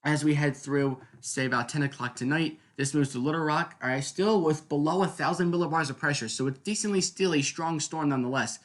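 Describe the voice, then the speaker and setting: Hosting a live weather stream, he talks fairly fast in a fairly high voice, with hardly any pauses. His delivery is unscripted and conversational, full of explanation, and he keeps checking in with listeners and asking them to agree.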